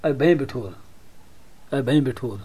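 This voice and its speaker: A man's voice: medium pitch, dark tone, breathy edge. A man giving translations and saying each phrase three times in a row. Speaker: language consultant. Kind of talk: language elicitation session.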